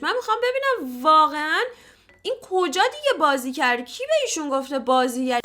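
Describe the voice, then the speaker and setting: A woman's voice: high voice, pushed and bright. A woman hosting a comedic film commentary, sarcastic and exasperated, mocking the film's lines.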